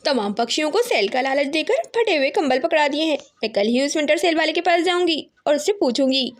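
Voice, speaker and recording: A woman's voice: high-pitched, expressive, brisk. A woman voicing a caring, firm mother sparrow. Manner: reassuring, firm.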